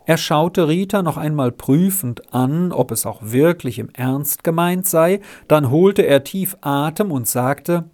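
A man reading a children's story aloud in a slow, measured narrating voice. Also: a little high, lively intonation, darkish tone. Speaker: audiobook reader. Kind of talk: scripted narration.

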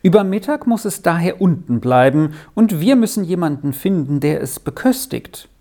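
A reader voicing a calm, practical farm wife in a storybook, speaking matter-of-fact. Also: mid-range voice, normal speed, natural voice. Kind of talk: storybook narration.

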